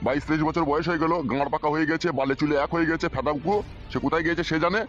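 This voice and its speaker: Man voicing a swearing landlord father, rapid-fire talk, music behind. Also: mid-range voice, muffled recording, close to an everyday voice. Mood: angry. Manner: swears constantly, barking and scolding. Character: foul-mouthed hot-tempered middle-aged village father and landlord. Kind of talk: comic audio drama. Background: background music.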